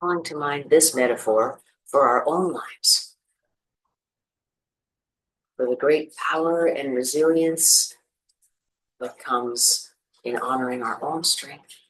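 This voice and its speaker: Taking things slowly with long pauses, a meditation teacher guides a practice in a gentle, soothing, medium-pitched voice, leaving room after each instruction. The recording sounds rough.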